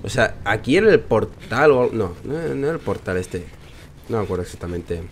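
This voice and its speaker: A man's voice: fairly low pitch, sing-song, normal speed, a little hiss or hum. Sarcastic Spanish man playing a game. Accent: Spain Spanish. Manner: joking, sarcastic, swears freely. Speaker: let's play host. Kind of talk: casual gameplay commentary.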